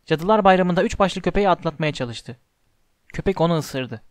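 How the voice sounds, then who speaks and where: A man voicing an earnest young schoolboy wizard in an even, plain tone while reading a storybook aloud. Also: fairly high pitch, moderate pace, no room sound, studio quality, close to an everyday voice.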